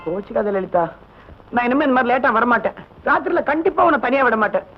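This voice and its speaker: An actor playing a soft-spoken, tender elder brother comforting his sister in old film dialogue. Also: extremely high pitch, expressive, fast. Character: gentle, caring elder brother. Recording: muffled old film soundtrack with music.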